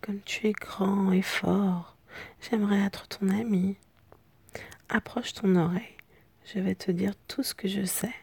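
A woman voicing a friendly, flattering storybook cat in a whispered role-play, her voice husky and cracked. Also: medium pitch, measured pace, no echo. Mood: admiring, flattering.

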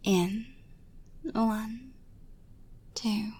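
A woman whispering a slow, soothing hypnosis session, guiding breathing and counting. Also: a little high, steady tone, dark tone, husky.

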